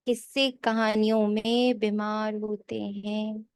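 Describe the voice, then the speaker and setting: Slow, emphatic woman preacher. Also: mid-range voice, flat delivery, clear, resonant tone, dry recording. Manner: slow, emphatic, repeats key lines; mixes English phrases into her talk. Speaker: spiritual teacher. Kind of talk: sermon explaining a daily scripture reading.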